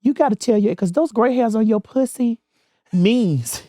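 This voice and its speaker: A woman's voice: on the high side, moderate pace, warm tone, no room sound, studio quality. A woman hosting a podcast, chatting in a playful, bold way with many stammers and restarts. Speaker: host. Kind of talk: casual podcast chat.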